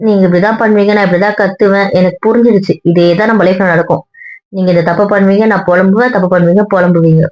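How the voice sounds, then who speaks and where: A woman argues with her partner in a hurt, tired, lecturing tone, at a middle pitch. The recording sounds dull and lo-fi. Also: fairly even intonation, fast talker. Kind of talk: couple's argument vlog.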